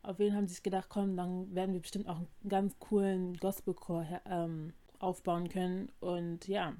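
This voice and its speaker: A woman's voice: lowish voice, level tone, fairly quick, mellow. A young woman co-hosting a casual chat, summarizing things in a talkative way with filler words. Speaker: podcast co-host.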